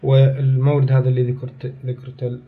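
A man with an Iraqi Arabic accent teaching a grammar lesson, slowly repeating phrases so his students can write them down. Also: medium pitch, monotone, breathy edge, narrow, tinny audio.

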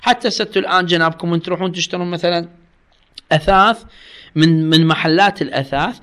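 A man with an Iraqi Arabic accent teaching a religious law lesson, reading the text slowly and then explaining it and quizzing his students. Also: a little high, a bit bright.

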